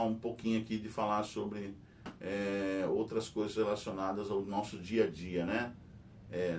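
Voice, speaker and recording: A middle-aged Brazilian teacher hosting a news channel, rambling in casual commentary full of fillers and tag questions. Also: male voice. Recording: distant mic with faint rumble.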